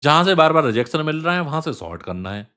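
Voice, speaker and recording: A man with a slightly high voice walks viewers through trading charts in a loose, conversational way. He repeats his key phrases for emphasis and fills pauses with chatty asides, like a channel host teaching his regulars. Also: very animated, fairly bright tone, smooth. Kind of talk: casual chart analysis tutorial.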